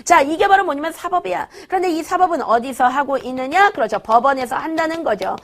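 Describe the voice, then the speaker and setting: A young woman teaching a middle school social studies lesson, lively and playful, acting out quotes with sudden shouts. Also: high-pitched, fast. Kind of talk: energetic video lecture.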